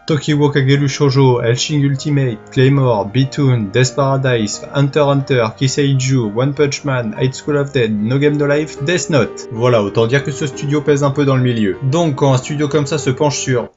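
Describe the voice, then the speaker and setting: A man's voice: medium pitch, fairly even intonation, moderate pace, hardly any pauses, darkish tone, muffled recording, faint music behind. A man hosting a comedic anime review in a scripted style, with sarcastic asides to himself. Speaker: anime reviewer, channel host.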